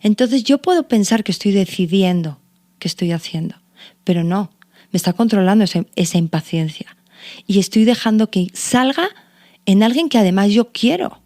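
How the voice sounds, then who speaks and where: A woman's voice: medium pitch, lively intonation, moderate pace, mellow. A woman, a guest therapist and mother, explaining her ideas earnestly in a reflective conversation, drawing on examples from her own life. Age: adult parent. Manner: earnest, uses personal examples and self-questions. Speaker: guest logotherapist.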